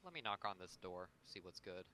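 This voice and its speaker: A man's voice: low voice, animated, fairly quick. A man playing a tabletop role-playing game, chatting brashly with the table. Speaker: player. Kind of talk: tabletop role-play chat. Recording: loud background noise.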